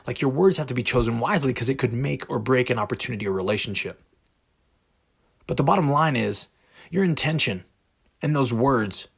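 A man's voice: medium pitch, vocal fry, breathy edge. A man hosting a motivational podcast monologue, speaking directly and emphatically with rhetorical questions. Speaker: podcast host.

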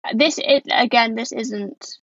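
A woman's voice: fairly high pitch, unhurried, fairly bright tone, no echo, dull audio. A woman with an East Midlands English accent chatting casually as a podcast co-host. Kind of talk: casual chat.

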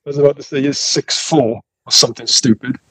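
A man from the United Kingdom co-hosting a podcast, telling stories in casual chat, excitable and laughing often. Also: mid-range voice, fairly quick, slightly rough, no echo, rough recording. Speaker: podcast co-host.

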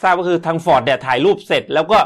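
A man's voice: on the high side, quick pace. A man co-hosting a news talk show, retelling events in a casual way with fillers and repeats.

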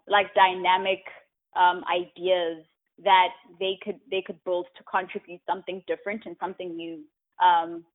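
A South African woman who co-founded a tech community speaks as an interview guest, thoughtful and casual, often pausing on "um" and checking in with "right?". Her voice is on the low side, and the line sounds tinny, like a phone.

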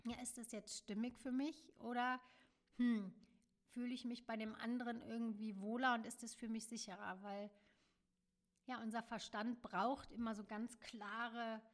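A woman hosting her own podcast, talking alone in a gentle, searching way with many small fillers and soft, trailing phrases. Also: a little high, level tone, normal speed. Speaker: podcast host. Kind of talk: reflective solo podcast monologue.

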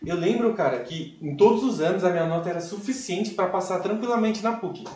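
A young man tells his story as a podcast guest, animated and full of fillers. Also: high-pitched, a little fast. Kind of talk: casual testimony storytelling. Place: live event room. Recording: echoey room, voice far from mic.

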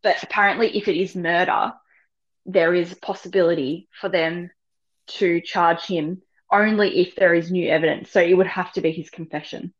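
Woman, low voice, muffled lo-fi audio. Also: fairly even intonation, moderate pace. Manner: chatty, agreeing. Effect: dull, lo-fi worn-sounding audio. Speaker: podcast co-host. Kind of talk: casual chat.

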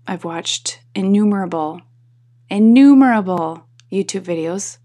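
A woman podcast host with a husky, sleepy morning voice, rambling casually to her listeners. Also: animated, measured pace, dark tone. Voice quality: husky, slightly deeper morning voice. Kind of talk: casual solo talk to listeners.

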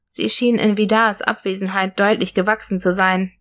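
Woman reading a fantasy story out loud, steady and even, normal pitch. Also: normal speed. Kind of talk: read-aloud fairy tale narration.

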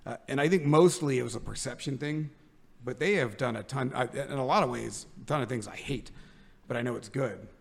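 A gravelly American man chats casually as a podcast co-host. He rambles, mocks himself, and laughs easily. His voice sits at a middling pitch with a rough edge of fry. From United States. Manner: rambling, self-mocking, quick to laugh. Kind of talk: casual chat.

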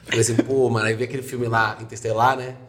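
A young man with a Minas Gerais accent chatting as a podcast guest, telling stories in a lively way and slipping into quick impressions. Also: medium pitch, crowd noise. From Minas Gerais, Brazil. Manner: lively storyteller, slips into quick impressions of others. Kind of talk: casual chat.

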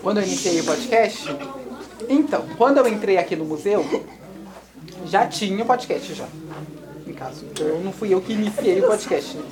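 A young woman, a museum educator and podcast host chatting quickly and laughing with schoolchildren. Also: mid-range voice, lively intonation. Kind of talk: casual interview with schoolchildren. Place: museum TV studio. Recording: noisy crowd of children. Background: noisy group of students.

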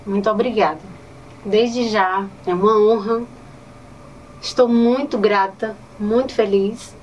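This woman, a teacher and poet whose accent is Northeastern Brazilian, responds earnestly to an interviewer and often says "né". Her medium-pitched voice has a darkish tone and fairly even intonation, and she speaks slowly, recorded on a distant mic with faint ambient noise.

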